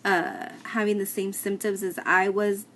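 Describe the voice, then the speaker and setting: A woman's voice: mid-range voice, level tone, measured pace, a bit bright. A woman giving a casual personal update to camera, explaining things plainly with some hesitation. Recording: clear background noise, room ambience.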